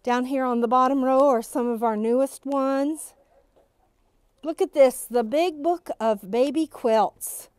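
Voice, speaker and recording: Her voice sits high, unhurried and smooth with a slightly mellow quality, as a middle-aged woman gives a bubbly, gushing tour of new stock in a quilt shop. She talks through a face mask to a phone camera following her, and the recording is dry.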